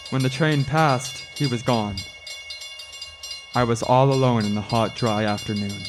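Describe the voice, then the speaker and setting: A man's voice: mid-range voice, background noise, natural voice. A man playing a haunted, increasingly frantic cross-country driver in a radio drama, stammering and urgent as he speaks and narrates. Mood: uneasy, haunted. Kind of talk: old-time radio drama acting with first-person narration.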